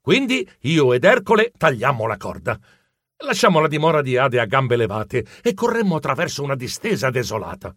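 A man narrating a children's story in an animated, comic and expressive way. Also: medium pitch, fairly quick, no echo, studio quality. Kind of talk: audiobook narration.

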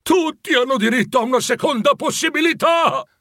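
A man voicing a remorseful old miser in a storybook reading, pleading in anguish with a raised pitch. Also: very animated, measured pace, vocal fry, a bit bright, husky, no room sound, studio quality, full character voice.

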